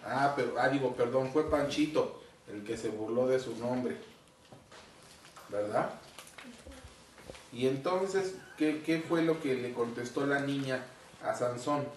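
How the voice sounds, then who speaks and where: Low-voiced woman gently questioning children. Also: takes it slowly, long pauses. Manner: gentle, patient questioning, often ending with a tag question. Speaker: host of a children's book podcast. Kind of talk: interviewing children about a storybook. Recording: roomy echo with faint noise.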